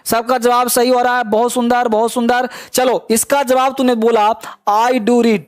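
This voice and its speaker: A man with a Bihari Hindi accent teaching English in a live online class. He encourages his students and repeats his prompts, urging them to answer quickly. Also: extremely high pitch, little pitch movement, dry recording, clean studio sound.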